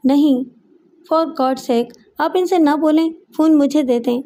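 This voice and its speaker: A woman's voice: high voice, steady tone, takes it slowly, mellow. A woman voicing a young factory worker who pleads and dodges questions in an audiobook story. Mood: pleading. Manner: pleading, evasive. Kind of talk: audiobook character voice.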